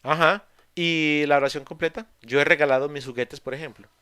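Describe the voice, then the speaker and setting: A man teaching English in an online class, explaining patiently step by step with pauses and fillers. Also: fairly high pitch, steady tone, sharp tone, clean tone, dry recording. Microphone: computer mic on a video call.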